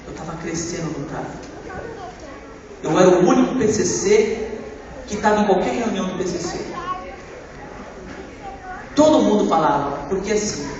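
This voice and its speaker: A man giving a church testimony, impassioned, swinging between loud outbursts and hushed lines. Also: sits high, background noise. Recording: echoey church hall from far off, dull sound.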